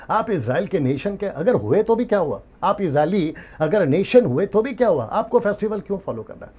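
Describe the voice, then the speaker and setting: His voice is a little high, darkish, and husky as this preacher delivers an emphatic, sermon-style lesson. Rhetorical questions, repeated main points, borrowed English words, and the occasional laugh run through his talk.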